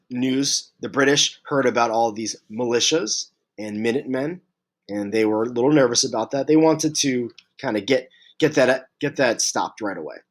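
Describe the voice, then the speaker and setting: Guy teaching a lesson while feeling sick, lots of ums and restarts, clears his throat a lot. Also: mid-range voice. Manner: halting, many fillers and restarts. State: unwell, clearing throat and coughing. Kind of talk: recorded history lesson.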